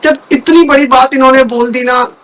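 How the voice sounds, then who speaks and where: A woman's voice: high voice, fairly even intonation, normal speed, fairly bright tone, a little hiss or hum. A woman guest telling a personal faith story in conversation, speaking earnestly and repeating words for emphasis. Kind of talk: emotional personal testimony in conversation.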